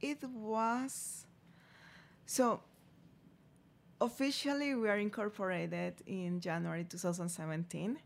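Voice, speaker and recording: A woman who founded a food company, answering interview questions in a halting way with many fillers. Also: medium pitch, fairly even intonation, vocal fry. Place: radio studio.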